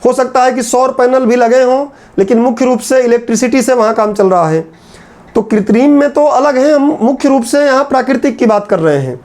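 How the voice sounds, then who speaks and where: A man giving a classroom lecture at a board, repeating phrases slowly so students can write them down. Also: very high-pitched, a little mellow. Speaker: teacher.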